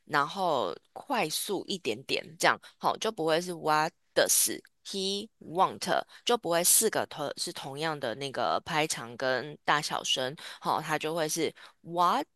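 A woman's voice: deep voice, animated, normal speed, few pauses, fairly bright tone, no echo, studio quality. A woman teaching an English lesson. She patiently explains grammar and starts nearly every phrase with "好".

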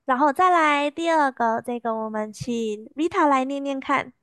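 A woman teaching a language lesson, patiently repeating words slowly and clearly for her students. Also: high voice, dry recording, clean studio sound.

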